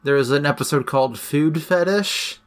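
A woman's voice: deep voice, moderate pace. A woman co-hosting a podcast in casual chat, her speech slightly muffled as if she has gauze in her mouth. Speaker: podcast co-host. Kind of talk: casual chat about an anime series.

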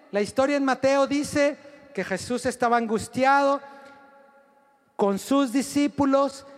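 A man preaching a sermon in a church, animated and joking, calling on the congregation to answer and repeat after him. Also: very high voice. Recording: long hall reverb.

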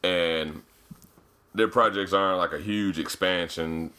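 A man's voice: sits low, fairly even intonation, a little slow, bright, forceful tone, smooth. A man co-hosting a podcast in casual chat, tossing in joking asides and laughs. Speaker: podcast co-host.

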